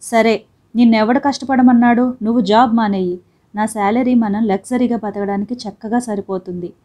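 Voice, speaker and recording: A woman's voice: on the high side, steady tone, moderate pace, mellow, natural voice. A woman reading the part of a stubborn young husband who speaks reproachfully and firmly. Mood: resentful. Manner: sulky, reproachful and firm.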